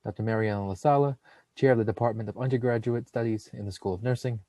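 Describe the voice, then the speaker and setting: A man's voice: mid-range voice, quick pace, no echo. A young man, a nursing student, hosting a webinar and steadily reading out a prepared script over a computer mic. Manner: steady, reads long lists of names and titles. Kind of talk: read webinar presentation.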